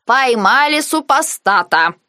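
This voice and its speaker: A woman reading the part of a proud, buxom maid with rustic, drawn-out speech. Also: medium pitch, expressive, no room sound, clean studio sound, lightly acted.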